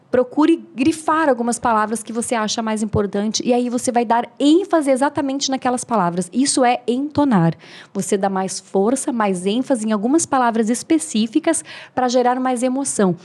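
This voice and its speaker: A woman's voice: fairly high pitch, a little mellow. Woman explaining speaking tips. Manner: didactic, demonstrative, friendly. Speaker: oratory mentor guest. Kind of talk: podcast interview, explaining tips.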